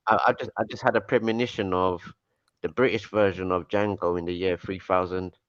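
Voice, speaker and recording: A man questioning in a heated, casual debate, halting and stammering, repeating words as he pushes back. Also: deep voice, steady tone, no echo. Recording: dull lo-fi sound.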